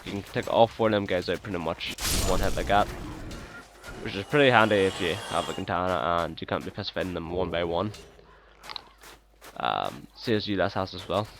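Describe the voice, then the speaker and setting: A man giving casual gameplay commentary as a let's play host, relaxed and chatty, with many ums and uhs. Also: sits low. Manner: hesitant, full of ums and uhs.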